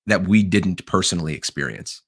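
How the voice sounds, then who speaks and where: A man's voice: sits low, normal speed, a bit bright. A man co-hosting a casual podcast, earnestly arguing his point with enthusiasm. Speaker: podcast co-host. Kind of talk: casual chat.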